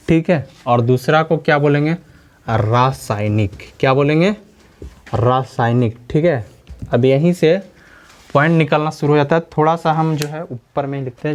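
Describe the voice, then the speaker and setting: A man's voice: a little high, a little mellow. Quizzing male science teacher. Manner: repeats key words and quizzes listeners with questions. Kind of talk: classroom lecture.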